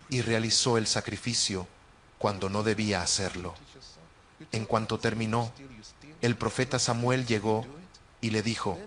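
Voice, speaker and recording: A man's voice: lowish voice, a bit bright. A man preaching a sermon, telling a personal testimony in an earnest, storytelling way.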